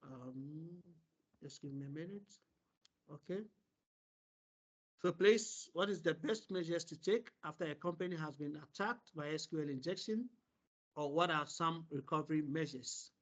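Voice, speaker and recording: A man moderating an online seminar over a video call, relaying questions and explaining in a halting way with many pauses. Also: on the high side. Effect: heard over a video call. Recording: dull lo-fi meeting audio.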